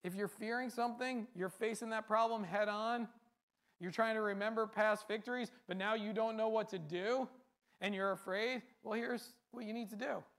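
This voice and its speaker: Gravelly high-voiced man preaching. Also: steady tone, moderate pace, a bit bright. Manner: earnest, repetitive preaching cadence with rhetorical questions. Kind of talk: sermon.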